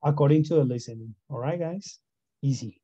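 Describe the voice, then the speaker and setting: Mellow-voiced teacher. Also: male voice, medium pitch, moderate pace, husky, no echo. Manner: mixes Spanish and English, frequent "¿no?" and "¿listo?" checks. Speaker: English teacher. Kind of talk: online class explanation. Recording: dull lo-fi sound.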